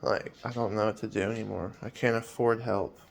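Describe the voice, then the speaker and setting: A man's voice: on the low side, fairly even intonation, fairly quick, creaky, a little hiss or hum. A man in his twenties talking in a personal vlog, hesitant and rambling with many fillers, sounding weary and anxious. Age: 20s.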